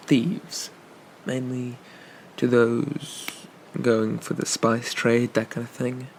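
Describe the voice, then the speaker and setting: Man playing a slow, gravelly flirty pirate captain, ASMR role-play. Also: mid-range voice, a little hiss or hum, poor audio. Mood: amused, musing. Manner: leisurely, teasing, roguish, murmured asides. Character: flirty, teasing gentlemanly male pirate captain.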